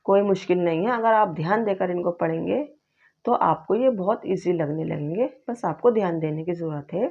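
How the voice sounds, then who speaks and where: A woman teaching Urdu reading, slowly sounding out and patiently repeating each syllable. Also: fairly low pitch, breathy edge. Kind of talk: slow spelled-out reading lesson. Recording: slightly dull lo-fi sound.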